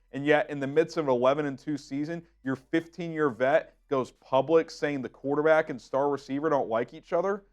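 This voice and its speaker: A man hosts a sports talk show and delivers his opinions with emphatic, exasperated energy. His voice sits a little higher than most men's. He speaks into a studio mic.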